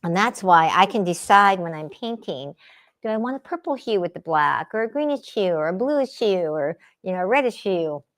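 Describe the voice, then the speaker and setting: Her voice is fairly low and fairly bright, with lively intonation and a normal speed. She's a Bay Area spiritual artist hosting a livestream from her home studio under daylight lamps, chatting loosely with viewers as she paints and answers comments.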